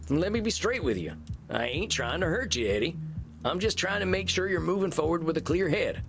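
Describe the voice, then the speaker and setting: Gravelly folksy cowboy therapist, drawl. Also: male voice, on the high side, expressive, fairly quick, over music. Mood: earnest, frank. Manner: folksy, frank, gently challenging. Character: folksy, steady male cowboy vampire therapist. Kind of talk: video game voice acting.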